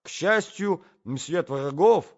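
Brief: male reader putting on a fluttery young society wife, high and breathless, lively swings, muffled lo-fi audiobook. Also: moderate pace. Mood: gushing. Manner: breathless, gushing, high and flighty. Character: flustered, chattering society lady, young wife. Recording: dull lo-fi audiobook recording.

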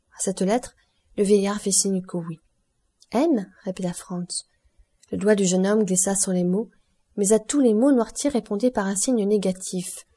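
A woman narrating an audiobook of a classic novel in a measured, expressive reading. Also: medium pitch.

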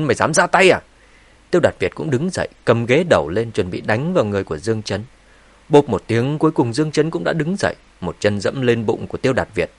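A man narrating a serialized novel in a steady storytelling read. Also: on the low side, no room sound. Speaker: audiobook narrator.

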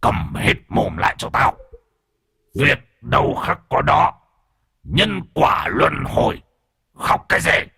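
Man voicing a barking demon guard, harsh, brutal, swooping pitch, storybook horror. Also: sing-song, takes it slowly, gravelly, pauses often, bright, forceful tone, slightly rough, full character voice.

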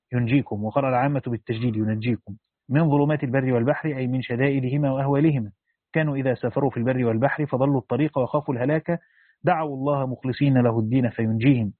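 A man's voice: medium pitch, no room sound. An Egyptian man reading a religious commentary aloud, breaking into casual explanatory asides. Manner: switches from formal reading to colloquial explaining. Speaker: audiobook reader and explainer. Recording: tinny phone-like dry recording.

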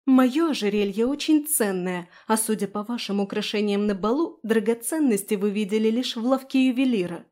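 A woman voicing a haughty, spoiled young noblewoman who talks in a sneering, shrill way. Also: normal speed, hardly any pauses, darkish tone, close to an everyday voice. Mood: scornful.

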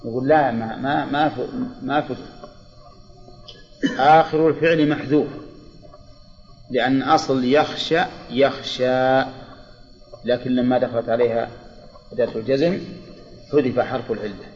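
A man, a religious scholar giving a classroom grammar lecture, deliberately repeating examples and quizzing his students. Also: medium pitch, darkish tone. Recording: lo-fi reverberant hall recording with faint music.

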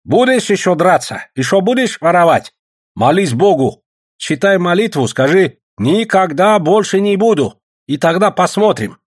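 A man voicing Sashka, a brash, rough male gold prospector who shouts and jeers. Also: high-pitched, expressive, measured pace, pitched above the performer's own voice. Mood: threatening. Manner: shouting, jeering.

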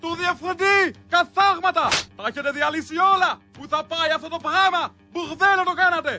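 A shrill comic official barks insults at a rebellious student. His voice is extremely high and squeaky. A clear music bed runs under him. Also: steady tone. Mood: scolding. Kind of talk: satirical sketch acting.

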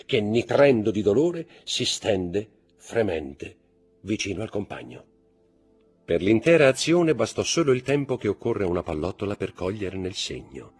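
A man reading a classic novel aloud in expressive, dramatic narration that swings in pace and volume. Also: lowish voice, breathy edge. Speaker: audiobook reader.

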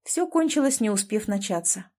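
Female audiobook narrator, measured expressive reading, mid-pitched.

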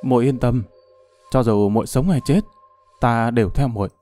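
A man's voice: mid-range voice, normal speed, mellow, faint music behind, lightly acted. Give me an earnest young swordsman from a martial-arts storybook, voiced by a male reader. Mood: resolute.

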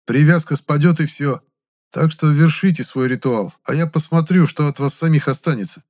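A man's voice: a little high, moderate pace, a little mellow, pitched above the performer's own voice, close to an everyday voice. A man voicing a defiant young necromancer hero who taunts his captors. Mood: taunting. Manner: mocking, taunting.

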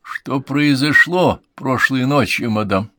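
Male reader as a calm, ironic Victorian gentleman, unhurried. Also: medium pitch, heavy background noise, pitched above the performer's own voice, close to an everyday voice. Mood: measured.

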